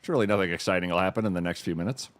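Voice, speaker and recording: A man's voice: deep voice, racing. A man streaming a game, giving live commentary in a dry, wry, self-deprecating mutter.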